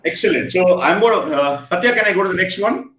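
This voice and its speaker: Energetic high-voiced man lecturing. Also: quick pace. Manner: energetic, questioning and praising students. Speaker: guest speaker. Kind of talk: interactive online lecture. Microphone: video call. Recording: echoey room, faint noise.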